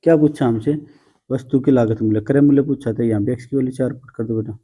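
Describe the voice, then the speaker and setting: Guy teaching math to students, calls em beta, teases a bit, deep dark kinda husky voice. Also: fast talker. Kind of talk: blackboard math lesson.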